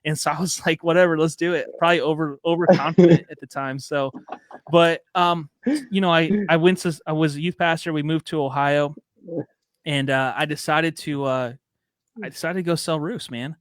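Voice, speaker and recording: Chicago guy telling his story on a podcast, kinda high voice, dry close sound. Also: normal speed, no room sound. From Chicago, USA. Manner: chatty, storytelling, relaxed slang. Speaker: podcast guest. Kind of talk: casual podcast conversation.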